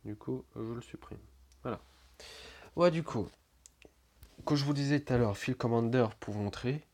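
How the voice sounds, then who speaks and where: A man's voice: mid-range voice, normal speed, a little mellow. A young man giving a casual, rambling phone tutorial, with lots of fillers and offhand swearing. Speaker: tutorial maker. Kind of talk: casual screen-recording tutorial.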